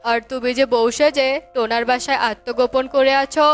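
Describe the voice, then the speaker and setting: A woman's voice: sits high, steady tone, fairly quick, faint music behind, lightly acted. A woman voicing a stern bird police officer who firmly exposes a fugitive in a cartoon. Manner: firm, accusing.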